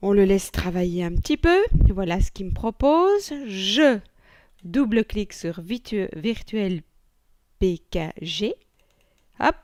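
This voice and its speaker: A woman teacher walking students through a software installation step by step, chatty and joking as she goes. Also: mid-range voice, sing-song, slow, no echo, clean studio sound. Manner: chatty, thinking aloud with fillers and little jokes. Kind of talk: screen-recorded software tutorial.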